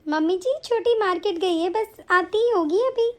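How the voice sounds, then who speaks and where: A woman voicing a calm, caring elder daughter-in-law in an animated story. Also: extremely high pitch, normal speed, noisy background. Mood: reassuring. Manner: soothing, reassuring.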